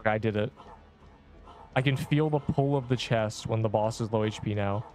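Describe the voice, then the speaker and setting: A young man streaming a game, chatting along in a casual, excitable way with gamer slang. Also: lowish voice, normal speed, faint music behind. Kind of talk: casual livestream commentary.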